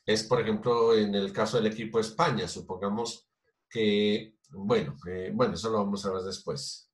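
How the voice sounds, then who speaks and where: A man's voice: on the low side, fairly even intonation, moderate pace. Roomy-sounding man teaching a class. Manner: patient, explains step by step with many fillers and restarts. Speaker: programming teacher. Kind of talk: recorded online class. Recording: roomy echo.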